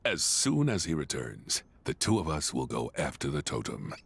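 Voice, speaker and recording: An actor voicing a solemn, stoic hero with formal speech in a video game. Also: male voice, extremely low pitch, wildly swooping pitch, moderate pace, vocal fry, a little hiss or hum, full character voice.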